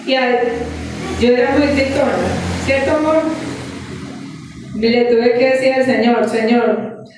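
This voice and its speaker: A woman preacher delivering an animated sermon, asking the congregation questions. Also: sits high, measured pace, noisy background. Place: church hall. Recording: echoey church from far off.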